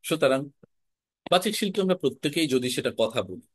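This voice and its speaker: A man teaching an online class on spoken-word art, explaining in a measured, emphatic way with deliberate pauses. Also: on the high side, lively intonation, husky, no room sound. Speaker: recitation and voice teacher.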